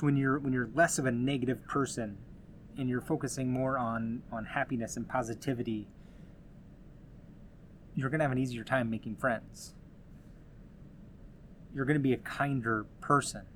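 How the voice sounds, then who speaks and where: A man with a mid-range voice talks in an earnest, encouraging way, like a host giving friendly advice. His delivery is casual and conversational. A faint ambient hum sits behind him. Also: medium pitch. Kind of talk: casual motivational talk.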